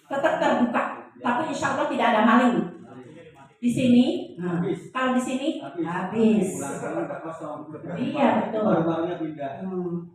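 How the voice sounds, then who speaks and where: Her voice sits on the high side, animated yet slow, with frequent pauses as she jokingly lectures and fires questions at her listeners. The recording carries heavy echo and places her far from the mic.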